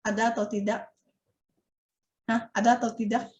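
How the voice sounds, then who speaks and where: Lively woman telling a Bible story to children. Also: on the high side, normal speed, reverberant, highs cut off. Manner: animated, asks children questions, dramatic exclamations. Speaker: Sunday school teacher.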